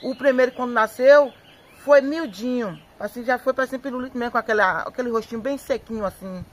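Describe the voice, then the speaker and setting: A woman speaks outdoors into a handheld microphone, her voice sitting a little high. She recounts events in an excited, tumbling way, circling back and repeating words. She often quotes herself and her family as she goes. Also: fast. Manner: breathless, repetitive storytelling with acted-out quotes. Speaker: interviewee, local resident. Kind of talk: excited eyewitness account. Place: outdoors at a home yard.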